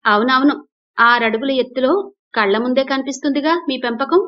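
A woman voicing a spoiled, arrogant young wife who scolds and shouts at her elders. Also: high voice, fairly even intonation, a little fast, pitched above the performer's own voice, close to an everyday voice. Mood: furious, insulting. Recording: dull lo-fi recording.

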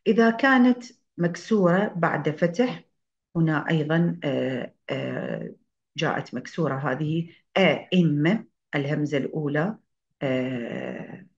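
A woman's voice: low-pitched, sing-song, measured pace, creaky, darkish tone, dull audio. A woman lecturer explaining spelling rules, reading out example words one by one, with frequent hesitation sounds and self-corrections. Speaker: university lecturer. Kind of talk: online grammar lecture.

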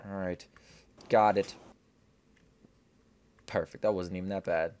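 A man's voice: sits low, steady tone, a little slow, darkish tone, smooth. A young man giving casual gameplay commentary, repeating short phrases to himself. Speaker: gaming video host.

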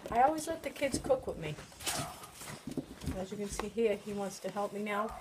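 Kneading by hand in a kitchen full of children, a middle-aged New England woman gives a chatty, coaxing bread-making demonstration. Her medium-pitched voice is animated and goes at normal speed, recorded on a phone camera someone else holds, making for a noisy home video.

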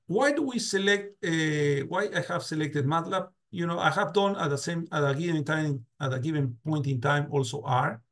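A university lecturer teaches a class over a video call, often restarting words and asking "got it?" and "do you agree?" His voice is a little high and fairly bright.

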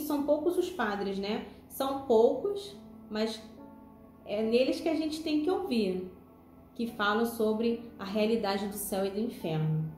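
A woman's voice: a little high, darkish tone. Chatty woman, roomy echo. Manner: conversational, many tag questions. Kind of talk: spiritual film analysis.

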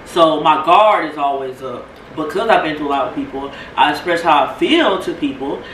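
A woman's voice: low-pitched, lively intonation, moderate pace, fairly bright tone. A woman co-hosting a casual vlog chat, talking openly and rambling about herself. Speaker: co-host. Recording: roomy echo, distant mic, background noise.

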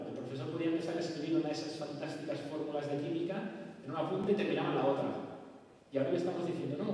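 A man's voice: on the high side, slight background noise. Middle-aged spanish guy giving a talk on stage, asks the crowd stuff, far off mic, big roomy echo. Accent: Spanish from Spain. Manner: lively, asks the audience questions. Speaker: conference speaker. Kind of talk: conference presentation. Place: large hall with stage. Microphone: far camera, room mic. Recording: echoey hall from far off.

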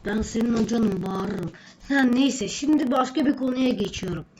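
A woman's voice: on the high side, normal speed, muffled recording, noisy background, lightly acted. A woman voicing a stern, bossy male schoolteacher who quizzes and scolds a pupil in a homemade skit. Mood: scolding. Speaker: social studies teacher character.

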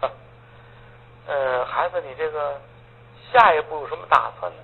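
A man voicing a warm-hearted, fatherly old man who talks gently and coaxingly. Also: a little high, normal speed, creaky, breathy edge. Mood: kindly. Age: older. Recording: tinny phone-like audio, faint hiss.

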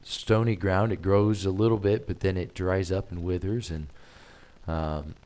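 A very low-voiced man preaching a sermon in an easy, conversational way. He stops and restarts often and fills his pauses with "uh" and "and", and his voice sounds a little strained. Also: steady tone, warm tone. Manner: hesitant, many fillers and restarts. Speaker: missionary preacher.

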